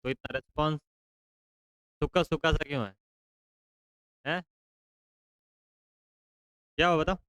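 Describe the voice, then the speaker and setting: Guy teaching a class, kinda high voice, teasing kids to talk louder. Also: unhurried, long pauses, clean tone, dry recording, poor audio. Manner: teasing, prodding students to answer loudly. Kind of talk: classroom lecture with banter.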